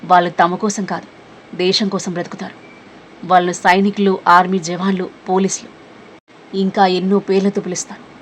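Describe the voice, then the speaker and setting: A woman voicing a mysterious, calm young man in a spoken romance story, talking quietly and evenly. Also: slight background noise, lightly acted. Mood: calm, teasing. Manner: quiet, low and measured.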